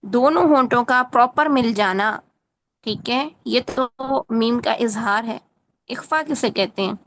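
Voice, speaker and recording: A woman's voice: on the high side, a bit bright. A woman teaching Quran recitation in an online lesson, correcting a student patiently and often checking that she follows.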